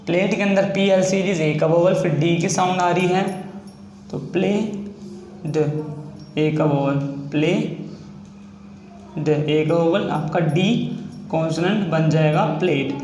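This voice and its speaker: High-voiced man teaching patiently. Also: a little mellow. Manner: slow, patient, spells out sounds step by step. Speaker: shorthand teacher. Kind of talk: classroom-style lesson. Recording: echoey room with faint ambient noise.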